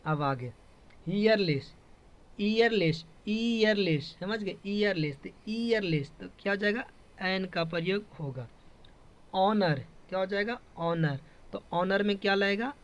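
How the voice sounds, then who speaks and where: A man's voice: high voice, expressive, unhurried, a bit bright. A man teaching a grammar lesson. He keeps asking the class questions and answers them himself, drilling each example. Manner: repetitive questioning, drilling students. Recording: dull lo-fi classroom recording.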